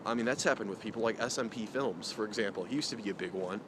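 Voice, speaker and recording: Vlogging outdoors in cold wind, a young man rambles hesitantly and self-deprecatingly, with many fillers. His voice is on the low side and he talks fast, while loud wind noise hits the mic.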